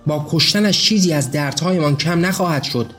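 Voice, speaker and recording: A man doing a cautious skeptical male revolutionary, measured, deliberate, fairly high voice, audio story. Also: fairly bright tone, faint music behind, natural voice. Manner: measured, objecting.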